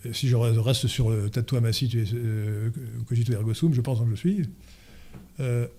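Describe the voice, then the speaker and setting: A man's voice: medium pitch, moderate pace, dark tone. A man giving a conference lecture and answering audience questions, hesitant and full of fillers and restarts, then driving his points home emphatically.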